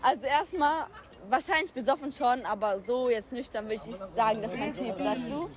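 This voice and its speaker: A woman's voice: fairly high pitch, moderate pace. A young woman speaking casual, blunt slang with a defiant manner in an outdoor street interview. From Germany. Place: outdoors at night under urban overpass. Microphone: handheld phone or mic held by interviewer. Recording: street crowd noise behind.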